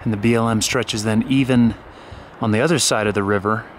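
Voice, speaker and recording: A man giving a relaxed, enthusiastic narration of a property tour outdoors, pointing out landmarks as he goes. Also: on the low side, fairly quick, a little hiss or hum. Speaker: real estate video tour narrator. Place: outdoors on a rural lot and riverside.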